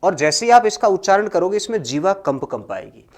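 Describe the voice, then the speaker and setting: A man teaching a grammar lesson, slowly dictating notes and repeating each phrase for students to copy, then explaining more loudly. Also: high-pitched, big pitch swings. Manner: swings between loud explaining and quiet dictating.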